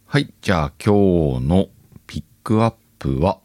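A man with a deep voice and lively intonation hosts his own audio channel, talking at normal speed in a casual, solo radio-style chat. He muses aloud to his listeners while faint music plays underneath.

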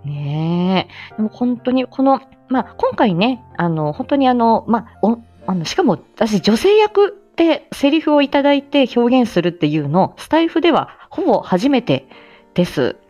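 A woman with a fairly high, widely swinging voice talks at a moderate pace in a warm tone, with faint music in the background. She's a livestream host and amateur voice actor chatting casually with her listeners, effusive and humble, and she keeps slipping into little laughs.

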